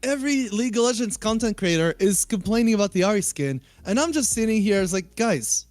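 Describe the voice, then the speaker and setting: A man with a high voice chats loosely on a livestream, joking and poking fun at himself as he talks. He speaks as a guest in easy conversation. Faint music runs underneath. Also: animated, fairly quick, no echo. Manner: chatty and joking, self-deprecating. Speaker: game coaching streamer, guest. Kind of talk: casual chat on a livestream.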